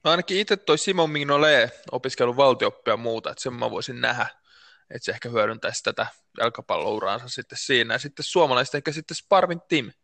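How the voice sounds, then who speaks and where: A man's voice: medium pitch, lively intonation, vocal fry, bright, forceful tone, no echo. A man co-hosting a casual podcast chat over a remote call, thoughtful and teasing. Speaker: podcast co-host. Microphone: remote call recording.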